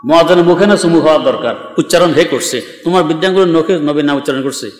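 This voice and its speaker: A man's voice: on the high side, very fast. A man from Bangladesh, preaching a sermon in an emphatic, argumentative and mocking way. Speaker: Islamic preacher. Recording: echoey hall reverb.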